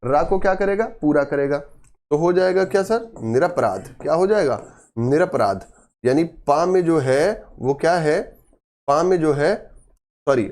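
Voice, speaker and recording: A man's voice: a little high, a little mellow. A man teaching an exam-prep grammar class, pressing each point home. He quizzes his listeners and then answers himself, repeating the key words for emphasis. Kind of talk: Hindi grammar lesson.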